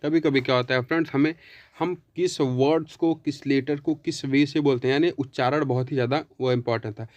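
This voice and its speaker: A man teaching pronunciation, who addresses viewers as friends and reads English sentences slowly, word by word. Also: mid-range voice, steady tone, no echo. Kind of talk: spoken pronunciation lesson.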